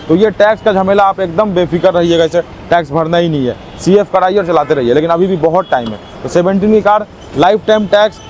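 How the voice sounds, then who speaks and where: A man giving an eager, teleshopping-style car sales pitch, hammering points home by repetition. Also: darkish tone. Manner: eager teleshopping-style selling, emphatically repeating prices. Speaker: used-car dealer presenting stock. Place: outdoors at a car lot. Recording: noisy outdoor car-lot sound.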